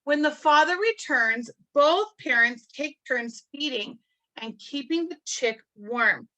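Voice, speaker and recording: A woman reading a picture book aloud to children, marveling in a gentle, teacherly way and adding chatty asides to explain things. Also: sits high, expressive, slow, rough recording. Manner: adds chatty explanatory asides between passages.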